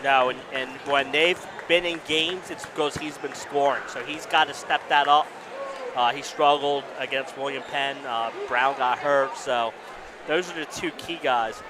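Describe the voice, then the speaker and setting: A man giving live basketball analysis as color commentator, conversational and a bit halting as he picks his words. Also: medium pitch, fairly even intonation. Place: indoor school gymnasium. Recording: noisy gym with bouncing balls.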